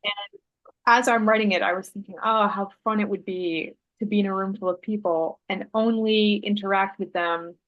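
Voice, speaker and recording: A woman's voice: mid-range voice, fairly even intonation, moderate pace, narrow, tinny audio. Chatty woman telling a story. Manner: thoughtful, meandering, with fillers and self-corrections. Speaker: interview guest, artist and Human Design author. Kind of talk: relaxed conversational storytelling.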